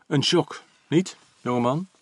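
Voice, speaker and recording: A man's voice: on the high side, measured pace, slightly rough, no echo, pitched above the performer's own voice. A man voicing a jovial, blunt older male notary who talks in a hearty, slightly teasing way.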